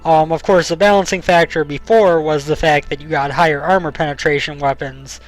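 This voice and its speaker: A young man narrates his game session in a relaxed, explanatory way, his voice sitting a little high. He fills pauses with ums while he has the hiccups. Faint game music runs underneath. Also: poor audio. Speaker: let's play host. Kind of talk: casual gameplay commentary.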